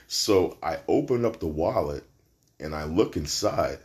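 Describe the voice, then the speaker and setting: A Brooklyn man with a New York accent and a very low, deep voice hosts his own podcast. He talks casually and slangy, with plenty of profanity, and his pitch jumps sharply upward when he lands a punchline. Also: lively intonation, a little slow, a little mellow. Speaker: podcast host. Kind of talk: casual solo podcast storytelling.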